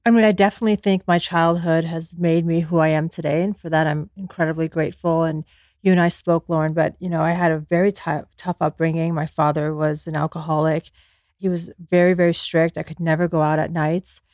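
A woman's voice: low-pitched, flat delivery, a little fast, darkish tone, dry recording, clean studio sound. A woman interview guest, born in Afghanistan and raised in the US, speaking earnestly and with self-assurance about her life. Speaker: podcast guest, entrepreneur. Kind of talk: candid interview conversation.

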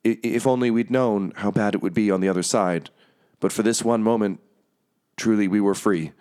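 A wistful glitching voice, as a man puts it on in a tabletop game, looking back quietly. It speaks low and reflective. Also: normal speed, smooth, close to an everyday voice.

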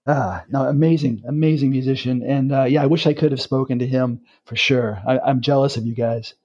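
A male guest talking in a halting, admiring way during a casual chat. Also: medium pitch, fairly even intonation, darkish tone, slightly rough, dull audio.

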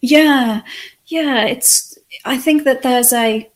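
A woman from England, reflecting on her life as an interview guest in a soft, thoughtful way. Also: high-pitched, takes it slowly. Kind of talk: conversational interview.

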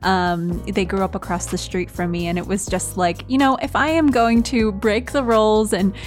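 Woman, newsletter editor, casual podcast chat, hesitant and warmly amused, middle pitch. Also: fairly even intonation, moderate pace, soft background music. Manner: hesitant, many ums, laughs often. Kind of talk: casual news roundup chat.

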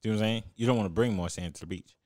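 A man's voice: lowish voice, racing, darkish tone, no room sound, clean studio sound. A young man telling stories in casual podcast chat, slangy and laughing often.

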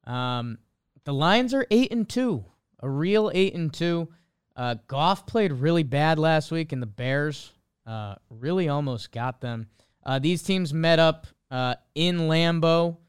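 A man's voice: fairly high pitch, animated, slow pace, smooth, no echo, clean studio sound. A man hosting a sports show in a casual, chatty style. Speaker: sports podcast host. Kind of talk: casual sports betting chat.

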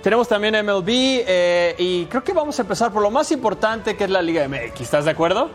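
High-voiced man co-hosting sports highlights. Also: expressive, a little fast, soft background music. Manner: jokey wordplay in his narration. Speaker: sports show co-host. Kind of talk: narrating match highlights.

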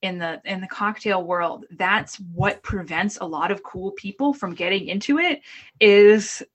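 An author from the Boston area with a Boston accent chats casually as an interview guest over a video call. She's self-deprecating, medium-pitched, and quick to restart her sentences.

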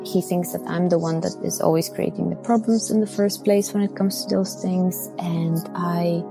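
A woman's voice: on the low side, fairly even intonation, normal speed, vocal fry. Hesitant woman over music. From Bulgaria. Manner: hesitant, many "um"s and restarts. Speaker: listener sending a question.

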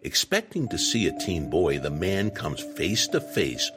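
A man, a reporter, reading his own true-crime story aloud with animated delivery, jumping up in pitch when he voices the quotes. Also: a little slow, over music.

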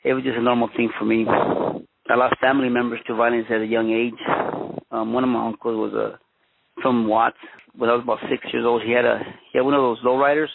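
A man in his fifties, born in Mexico and raised in Los Angeles, telling his own story as a former police officer, halting and restarting often. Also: medium pitch, little pitch movement, vocal fry, background noise. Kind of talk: personal storytelling interview. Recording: tinny phone-line audio.

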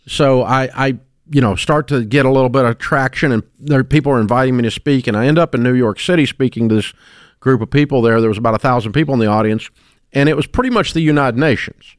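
A man's voice: mid-range voice, fast, smooth, dry recording. Man, 60s, Southern US accent, radio host, folksy storytelling, dry studio sound. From American South. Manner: folksy storyteller, frequent restarts. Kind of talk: casual radio talk.

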